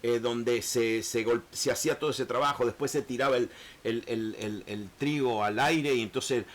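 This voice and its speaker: A man teaching a Bible lesson in an earnest, halting way, often restarting words and acting out the people in the text. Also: medium pitch, steady tone. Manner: earnest, repetitive, many hesitations and restarts; acts out biblical speakers in shifting voices.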